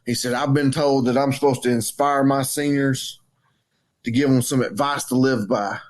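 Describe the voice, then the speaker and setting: Steady and medium-pitched at a normal speed, a wrestling coach co-hosts a podcast with casual banter and storytelling. He's blunt, jokes around, and swears a lot.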